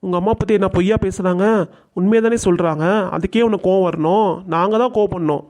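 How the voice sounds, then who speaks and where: திருநெல்வேலி வட்டார வழக்கில், அம்மா பக்கம் நின்று மனைவியை மிரட்டும் கோபக்காரக் கணவனாக ஒரு ஆண் குரல் கொடுக்கும் cartoon. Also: male voice, high voice, fast, darkish tone, natural voice. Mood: threatening. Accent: Tirunelveli Tamil. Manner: threatening, harsh. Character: hot-tempered husband siding with his mother.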